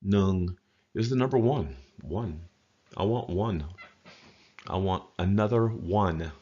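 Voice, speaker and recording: A man giving a casual spoken language lesson, chatty and folksy, slowly repeating words to model pronunciation. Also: sits low, mellow, lo-fi sound. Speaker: language teacher.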